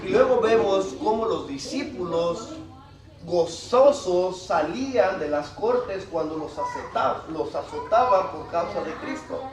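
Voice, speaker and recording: A man's voice: high-pitched, expressive, unhurried, a crowd in the background. A man preaching a sermon, explaining scripture conversationally and reading Bible passages aloud to the congregation. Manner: reads Bible passages aloud with rising emphasis. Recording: echoey hall from far off with congregation noise.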